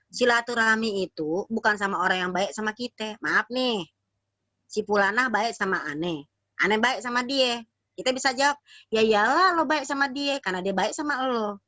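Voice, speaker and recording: A woman's voice: mid-range voice, pushed and bright, no room sound. A woman preacher with a Jakarta Betawi accent gives a casual, slangy religious talk over a video call, acting out quoted prayers. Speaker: female preacher. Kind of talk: virtual religious study talk. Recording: dry, dull lo-fi online call audio.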